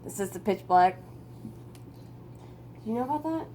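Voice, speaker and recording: A woman's voice: medium pitch, expressive, moderate pace, background noise. A young adult woman chatting casually to camera as a vlogger, playful, teasing and sweary.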